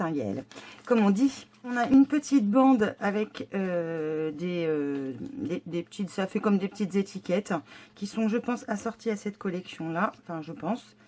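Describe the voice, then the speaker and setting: A woman's voice: mid-range voice, mellow, a little hiss or hum. Chatty French-speaking woman vlogger. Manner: chatty, hesitant, many fillers and restarts; enthusiastic about the items. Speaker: scrapbooking vlogger. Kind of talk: casual unboxing chat.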